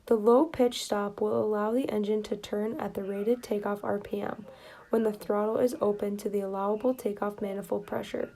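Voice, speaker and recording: Woman reading exam questions, gravelly voice. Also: medium pitch, moderate pace. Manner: steady, plain reading with spelled-out abbreviations. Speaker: reader of exam study questions. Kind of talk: reading test questions aloud.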